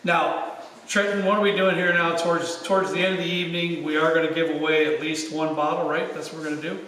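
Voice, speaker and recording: A man with a slightly high voice hosts a casual livestream, rambling and doubling back on his phrases. He sounds distant from the mic in a big echoing space. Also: level tone, fast talker, pushed and bright. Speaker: show host. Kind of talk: casual chat hosting a livestream tasting. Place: unfinished basement with bare floor. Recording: big hall echo, distant mic, faint noise.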